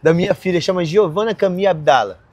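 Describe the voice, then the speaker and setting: High-voiced man, animated. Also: fast talker, dry recording. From Brazil. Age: 40s. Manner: lively, laughs often, acts out quoted dialogue. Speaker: podcast guest, marina owner. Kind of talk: animated storytelling in conversation.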